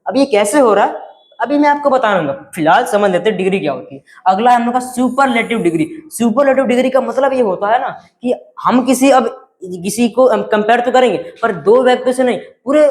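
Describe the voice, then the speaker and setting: Echoey male teacher, quizzing questions. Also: sits high. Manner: asks the class rhetorical check questions and repeats key words. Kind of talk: explaining grammar lesson.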